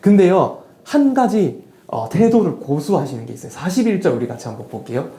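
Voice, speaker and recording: A pastor preaches in a church hall, his pitch swinging widely as he talks. The tone is mellow and warm. It is conversational, full of questions he answers himself, and the room adds a clear echo. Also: big pitch swings, a little fast. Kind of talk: sermon to a youth congregation.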